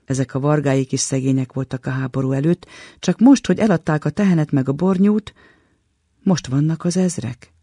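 A man giving a measured, dramatic reading of a short story on a literature program. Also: fairly high pitch, warm tone, husky, no room sound, clean studio sound.

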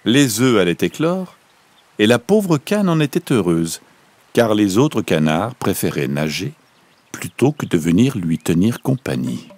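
A man narrating a children's story, slow and melodic. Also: on the low side, big pitch swings, a little mellow, dry recording.

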